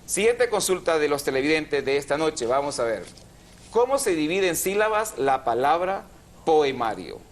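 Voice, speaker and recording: A male television host teaches spelling and accent rules to viewers in a measured, explanatory way. His voice sits a little high for a man, and he slows down to spell words out syllable by syllable. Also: very animated. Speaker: TV language program host. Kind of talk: didactic TV chat.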